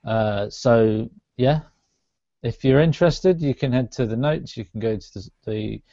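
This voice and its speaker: A man co-hosting a casual podcast, presenting in a relaxed way with halting fillers. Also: medium pitch, no echo. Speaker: podcast co-host. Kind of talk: casual chat. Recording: dull, dry lo-fi call audio.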